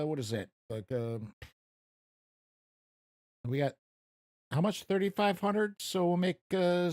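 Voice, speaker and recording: An American gaming streamer from the United States chats casually during a live stream of a farming game, rambling and chuckling at his own expense. His voice sits high, and the recording is dry with clean studio sound.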